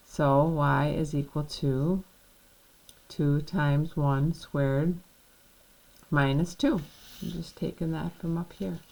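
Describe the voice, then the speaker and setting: A woman's voice: low voice, darkish tone, poor audio. A woman teaching a math lesson, patiently walking through each step and checking in with the class.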